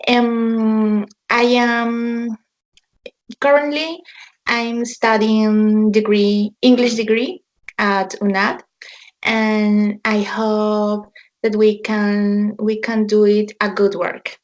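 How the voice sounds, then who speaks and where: A woman's voice: mid-range voice, level tone, very slow, lo-fi sound. A woman in her early twenties, a Spanish speaker studying English, speaking hesitantly on a video call. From Colombia. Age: 20s. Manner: hesitant, with restarts and fillers. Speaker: English student. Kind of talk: introduction and answer in class discussion.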